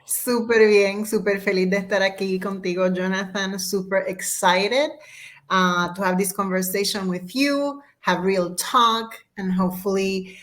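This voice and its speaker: Guest: woman, middle pitch, thoughtful, chatty. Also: fairly even intonation, measured pace, a bit bright. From Puerto Rico. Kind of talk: interview conversation.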